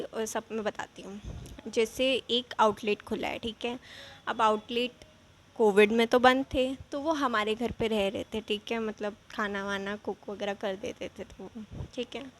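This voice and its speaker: A young woman telling a real-life ghost story in a chatty, animated way, with frequent asides. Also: on the high side, slight background noise. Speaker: vlogger. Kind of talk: casual storytelling.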